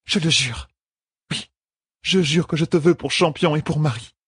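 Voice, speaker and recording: A fierce, anguished young sorceress cries out in a raised, husky-edged voice, as a male narrator puts her on. The reading is dry and close, with no room around it. It sounds like an audiobook character voice. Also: normal speed, fairly bright tone, no room sound. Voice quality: raised pitch, cries out urgently.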